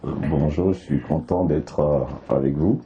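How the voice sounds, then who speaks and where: Man from Côte d'Ivoire, interview guest, hesitant with fillers, dark mellow tone, slightly muffled recording. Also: very deep voice, measured pace. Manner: hesitant, with many fillers and restarts. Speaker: artist guest. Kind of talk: interview conversation. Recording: slightly dull, faint background noise.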